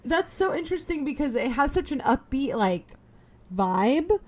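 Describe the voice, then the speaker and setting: A young adult woman co-hosting a podcast in casual chat, animated and exclaiming, humming tunes. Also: sits high, normal speed. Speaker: podcast co-host.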